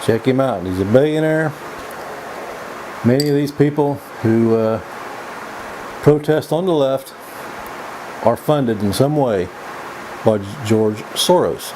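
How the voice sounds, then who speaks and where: A man giving a casual, opinionated vlog monologue in a folksy, halting way, often repeating his words as he goes. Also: medium pitch, expressive, noisy background. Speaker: vlog host. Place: indoors.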